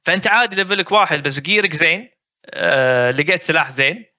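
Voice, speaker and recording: Casual guest: Gulf Arabic man, quick and bright, dull lo-fi audio. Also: fairly high pitch, no echo. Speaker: guest gamer. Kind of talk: casual chat.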